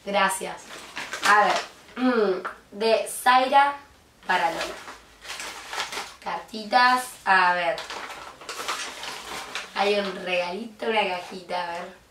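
A young woman from Argentina with an Argentine accent, gushing excitedly as she opens gifts in a vlog. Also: medium pitch, slow, long pauses, reverberant, recorded from a distance, noisy background. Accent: Argentine Spanish. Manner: gushing, excitable, with frequent squeals. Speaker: vlogger. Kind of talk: unboxing vlog.

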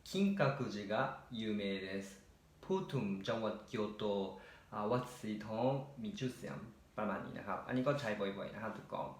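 Man teaching grammar, roomy echo. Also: lowish voice. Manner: patient, repeats "นะครับ" often and reads example sentences slowly. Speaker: Japanese language teacher. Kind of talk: explaining grammar answers step by step.

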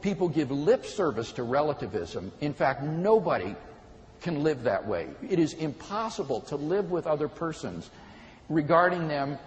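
A man's voice: fairly high pitch, very animated, big-room sound, low-quality recording. Earnest man explaining moral philosophy. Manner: measured and earnest, storytelling examples. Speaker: speaker on philosophy. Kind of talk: explanatory talk.

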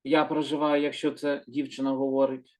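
A man teaching a calm, slow lesson, gently repeating words and patiently correcting himself. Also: medium pitch. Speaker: Hebrew teacher.

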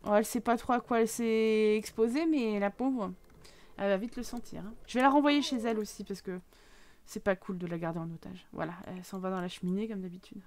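A woman talking through a life-simulation game as a YouTube let's-play host, chatty and breaking into sudden excited exclamations. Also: mid-range voice, brisk. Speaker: gaming YouTuber.

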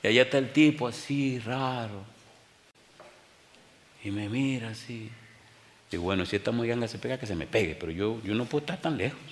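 A male pastor preaching a sermon, telling a story in an animated, dramatic way with bursts of laughter. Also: medium pitch, moderate pace, pauses often, in a large hall.

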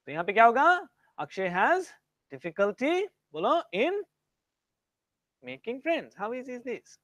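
Indian man teaching a lively grammar class. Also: very high-pitched, fast talker, dry recording. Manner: switches between English and Hindi, quizzes students by name.

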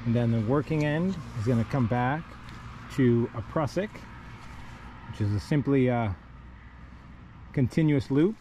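A man with a mellow, dark voice walks through rope rigging one step at a time, in a plain and methodical manner. He is outdoors on a rocky riverbank, recorded by a camera on his body. A faint outdoor hiss sits behind him. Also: medium pitch, measured pace, pauses often. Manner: plain, methodical, talks while rigging by hand. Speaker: kayak rescue instructor. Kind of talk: step-by-step instructional demo. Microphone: wearable camera on body.

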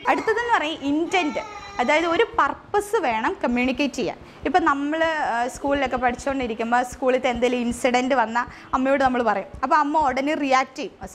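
A woman's voice: high voice, slight background noise. A woman gives parents an informal lecture as a therapist. She explains with everyday examples, mimics sounds, and mixes English terms into her speech. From India. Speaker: therapist giving a parent class.

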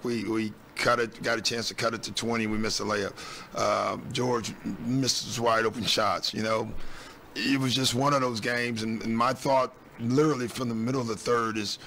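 A man in his sixties, a head coach, answers reporters in the team press room at a postgame press conference, speaking into a desk mic on a stand. His low-leaning voice is bright and forceful, with slight background noise, and he's blunt and matter-of-fact, saying "um" often.

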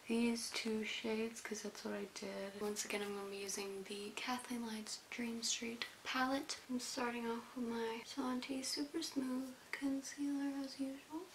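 A woman's voice: fairly high pitch, level tone, unhurried. A young woman talking informally as a beauty vlogger in a casual chit-chat makeup tutorial, often trailing off. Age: young adult. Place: indoor room, plain wall. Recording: roomy echo, faint hiss.

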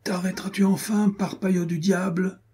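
A man voicing a boisterous, swaggering young nobleman who is out of breath and talks in a loud, mocking tone. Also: medium pitch, moderate pace, breathy edge. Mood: breathless.

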